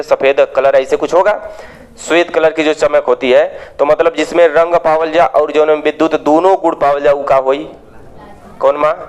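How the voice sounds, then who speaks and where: Call-and-response chemistry teacher. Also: male voice. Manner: call-and-response questioning, drops low to answer himself. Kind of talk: classroom lecture.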